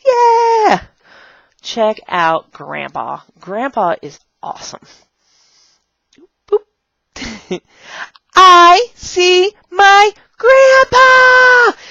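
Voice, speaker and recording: Bubbly, animated woman vlogging on camera. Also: lowish voice, gravelly, dry recording. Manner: bubbly and rambling, jumps into playful kid voices. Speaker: online English teacher. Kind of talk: casual vlog chat showing props. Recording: dull, dry camera audio.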